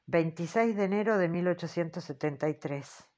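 A woman narrating an audiobook in the first person, in a measured, earnest storytelling manner. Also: on the low side, darkish tone.

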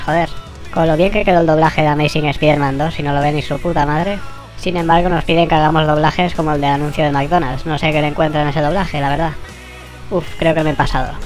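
A channel host with a Spain Spanish accent and a mid-range voice gives a sarcastic, swear-laden anniversary monologue. The voice is sped up into a squirrel-like sound, like a tape on fast forward.

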